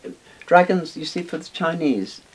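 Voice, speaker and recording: In a small room lined with books, an older Welsh expert on Chinese dragons gives a casual, rambling explanation for an interview. His voice runs on the high side, expressive and a touch breathy, at normal speed. The recording carries background hiss.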